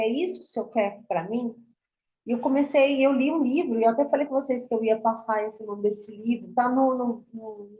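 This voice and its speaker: A woman with a Brazilian Portuguese accent hosts an online spiritual meeting for women. She shares a heartfelt personal testimony in an earnest, emotional way, sometimes rushing and sometimes slowing right down. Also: on the high side, darkish tone. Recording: roomy echo.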